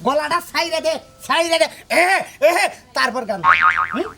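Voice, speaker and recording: A woman's voice: high voice, measured pace, fairly bright tone. A woman playing an outspoken village sister-in-law in a rustic comedy, scolding and lecturing. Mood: bossy. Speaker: sister-in-law arranging song lessons.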